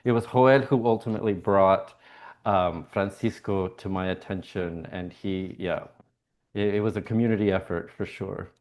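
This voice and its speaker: A man's voice: sits low, steady tone, normal speed, a little mellow. A man who directed the film, speaking in a reflective way with some restarts. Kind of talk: interview chat.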